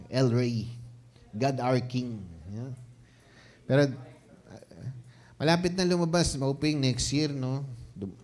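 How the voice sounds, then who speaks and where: A man's voice: mid-range voice, a little mellow. A man preaching a conversational sermon as pastor, playful and laughing often, often checking in with the congregation and mixing Tagalog with English.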